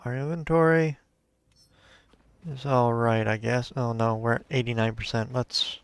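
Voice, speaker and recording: A man's voice: medium pitch, clear, resonant tone. A man giving casual gameplay commentary as a let's play host, thinking aloud and talking to his viewers.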